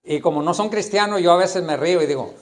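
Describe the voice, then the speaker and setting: High-voiced pastor preaching emphatically. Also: male voice, fast. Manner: emphatic preaching, addresses listeners directly. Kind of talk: sermon.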